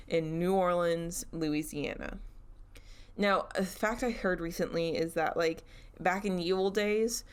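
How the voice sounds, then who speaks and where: A woman's voice: lowish voice, clean tone. A young woman co-hosting a podcast, telling a story in a chatty, casual way with giggly asides.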